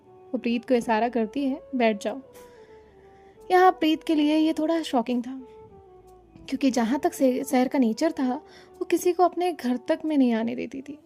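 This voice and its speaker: Female storyteller, high and warm, soft music bed beneath. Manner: reads every character's lines in her own voice, calm and even. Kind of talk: scripted story narration.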